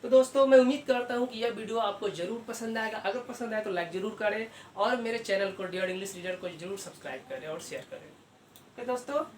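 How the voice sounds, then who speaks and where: A man teaching grammar at a board, who asks himself questions, answers them and repeats key terms slowly. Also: high voice. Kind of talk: explaining a lesson at a board. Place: room with a writing board. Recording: echoey room, mic far off, faint hiss.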